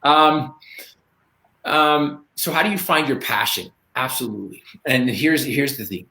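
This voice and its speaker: A man giving a motivational talk as a guest speaker, lively and storytelling, acting out bits of dialogue. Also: mid-range voice. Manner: animated storyteller, acts out dialogue in quick voices. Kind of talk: motivational talk on a live stream. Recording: echoey room.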